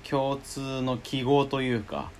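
A middle-aged man hosting a podcast, chatting in a relaxed way and often trailing off low and soft. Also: takes it slowly, slight background noise. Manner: relaxed, frequent nods, drifts low and soft at phrase ends. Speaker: podcast host. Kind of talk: casual chat.

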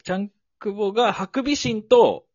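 A man co-hosting a casual talk podcast, easygoing and quick to laugh. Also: sits high, darkish tone, dry recording. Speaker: co-host. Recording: slightly muffled lo-fi audio.

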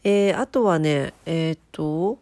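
Nasal, stuffed-up woman radio host, lowish voice. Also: animated, unhurried, darkish tone, dry recording. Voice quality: nasal, congested from a blocked nose. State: stuffed-up nose. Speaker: solo radio show host, DJ. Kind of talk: casual chatty radio monologue with polite greetings.

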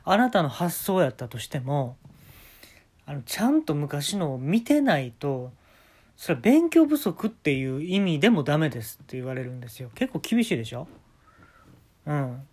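A young man with a Kansai accent hosting a casual talk show, telling absurd stories deadpan with sudden leaps in pitch. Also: normal speed, slightly rough. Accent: Kansai Japanese. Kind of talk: casual storytelling monologue.

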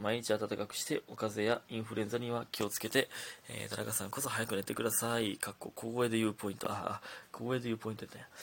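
A young man with a Kansai accent hosts his own talk podcast, reading listener letters and chatting between them. His voice sits fairly low and has a gravelly, husky edge. He rambles, pokes fun at himself, and drops to muttered asides between louder bursts. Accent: Kansai Japanese. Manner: chatty and self-deprecating, drifting between loud bursts and mumbled asides.

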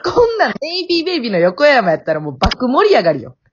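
A young woman with a Kansai accent chatting casually on a podcast from her family home over a remote call, teasing her co-host in quick banter. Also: high-pitched, wildly swooping pitch, noisy background. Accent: Kansai Japanese. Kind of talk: casual chat. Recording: dull lo-fi audio.

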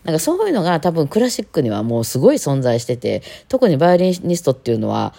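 A woman with a Kansai Japanese accent, a violinist who hosts her own podcast talk show, chats casually and rambles, slipping into playful mimicry. Her deep, warm voice is creaky and sing-song, and she talks fast.

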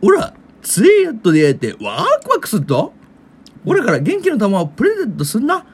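A man voicing a cheerful, rough-talking young male martial-arts hero in a rustic dialect. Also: high voice, brisk, voice pushed up, heavily acted. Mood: excited. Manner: rustic dialect, excited and boastful.

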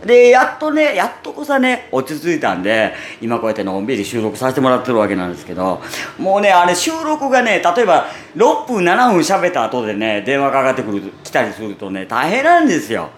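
A man with a gravelly voice and a Kansai Japanese accent, chatting casually and unaffectedly to listeners as a radio host. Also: mid-range voice. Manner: natural unaffected delivery, chatty, with frequent sentence-final "ne". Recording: roomy echo, faint background noise.

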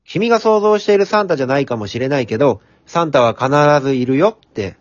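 A man's voice: mid-range voice, animated, fast talker, no echo, lo-fi sound, lightly acted. A man playing a jolly, earnest Santa Claus in an amateur comedy radio drama, polite and theatrical in manner. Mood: earnest, gentle.

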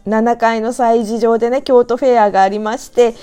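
A woman quoting a humble, polite middle-aged male salesman who speaks in a courteous, soft-spoken way. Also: fairly high pitch, fairly even intonation, normal speed, clear, resonant tone, faint music behind, pitched above the performer's own voice, natural voice.

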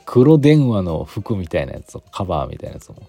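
A man's voice: low-pitched, very animated, fairly quick, creaky, dark tone, breathy edge, faint music behind. A man in his forties from Aichi with an Aichi accent, chatting casually and rambling through many fillers as a podcast host. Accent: Aichi Japanese. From Aichi, Japan. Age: 40s. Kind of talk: casual solo chat.

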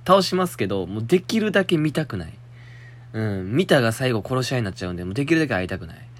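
A young man from Shiga, Japan, speaking with a Kansai accent, hosts a solo talk show and rambles about a listener's letter. His medium-pitched voice races along with big swings in pitch. He's chatty, mutters to himself, and laughs as he goes.

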